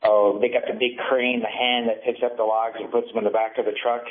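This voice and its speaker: Man, caller from Michigan, tinny speakerphone sound, mid-pitched voice, halting storytelling. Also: little pitch movement. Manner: halting, restarts mid-sentence. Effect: tinny phone line. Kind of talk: casual call-in storytelling. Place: empty conference room. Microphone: smartphone speakerphone. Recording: tinny distant speakerphone call.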